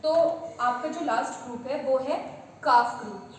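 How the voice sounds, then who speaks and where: A woman's voice: high-pitched, measured pace. A woman teaching a patient beginner language lesson, repeating each letter name step by step. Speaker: Urdu teacher. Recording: echoey room from a distance with faint noise.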